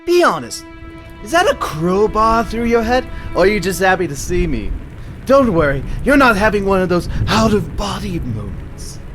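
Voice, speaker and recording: A man's voice: high-pitched, big pitch swings, a bit bright, faint music behind. A man playing a maniacal clown villain in a superhero radio drama, theatrical, mocking and gleefully cruel. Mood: mocking, menacing. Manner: theatrical, mocking, drawn-out delivery with swooping exclamations.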